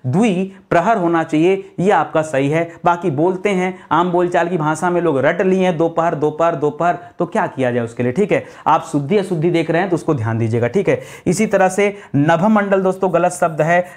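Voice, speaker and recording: Upbeat male Hindi teacher, higher voice. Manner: repeats questions to students, addresses them as friends; explains patiently with drawn-out key words. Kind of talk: exam-prep spelling lesson.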